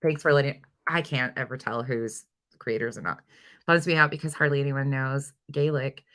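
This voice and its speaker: A woman talks at a moderate pace in a rumbling low voice with a fairly bright tone. Hosting a livestream, she reads viewer comments and answers them casually, switching informally between replies.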